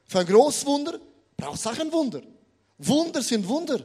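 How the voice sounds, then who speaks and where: A man's voice: extremely high pitch, moderate pace. A man preaching a sermon, telling a humorous story and turning often to the congregation. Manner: animated, humorous storytelling, addresses the audience directly.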